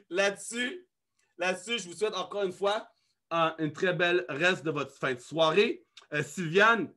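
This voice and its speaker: Brief: high, bright man with a faded Quebec accent, team leader pushing hard, mixes in English. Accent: faded Quebec French. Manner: mixes English phrases, urging and pleading; swearing, emphatic. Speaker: network marketing leader. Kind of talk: live motivational call.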